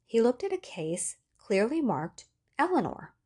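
A woman narrating an audiobook story in a steady, measured reading voice. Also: on the high side, breathy edge. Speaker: story reader.

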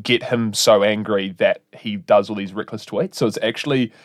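A man's voice: fairly low pitch, steady tone, moderate pace, dry recording, clean studio sound. Rambling young man in casual podcast chat. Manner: rambling, searching for words. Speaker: podcast co-host.

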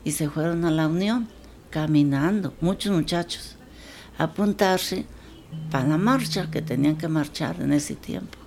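A woman's voice: low-pitched, normal speed, vocal fry. A woman, telling her life story casually and acting out the other people in her tale. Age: 80s. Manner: lively storyteller, quotes people in dialogue, chuckles often.

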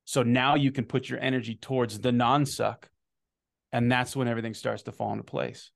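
A man in his thirties hosting a podcast, an energetic storyteller who swears freely and keeps asking "right?". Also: medium pitch, brisk, gravelly. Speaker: podcast host. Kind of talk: casual chat.

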